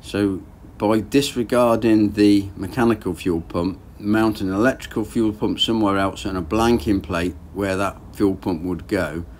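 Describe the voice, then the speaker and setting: On the low side and unhurried, this man's voice flows with few pauses as he narrates his engine rebuild over slight background noise. He's in his thirties, working in a garage on a boat engine, casually thinking aloud in a relaxed, plain-spoken manner.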